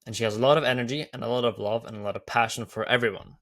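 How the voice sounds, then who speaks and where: A man with a Norwegian accent hosts a video, explaining lessons in an eager, upbeat way. His voice is mid-pitched and plain, and he leans on repeated phrases for emphasis. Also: fairly even intonation, racing, fairly bright tone. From Norway. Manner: enthusiastic, repetitive phrasing. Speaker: YouTube host. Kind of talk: commentary.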